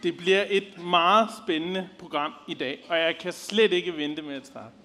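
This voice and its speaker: A man's voice: on the high side, moderate pace, sharp tone, a faint crowd. A man co-hosting an event with scripted stage presenting, addressing his partner and guests. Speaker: event co-host.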